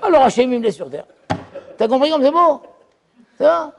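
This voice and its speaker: A man giving an animated religious lecture as a rabbi, telling stories and acting out little dialogues. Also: very high-pitched, moderate pace, creaky, a little hiss or hum. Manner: lively storytelling, acts out voices. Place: yeshiva lecture hall.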